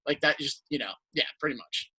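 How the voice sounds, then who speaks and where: A young man with a bright, forceful voice and a husky edge hosts a podcast in loose, casual chat. He rambles, restarts sentences and piles on fillers as he talks. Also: a little high, brisk, poor audio. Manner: rambling, filler-heavy, laughs often. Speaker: podcast host.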